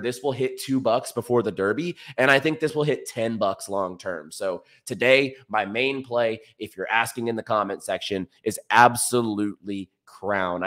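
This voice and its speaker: Young American man, casual market commentary. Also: lowish voice. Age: young adult. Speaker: crypto show host. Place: small indoor room, streaming setup.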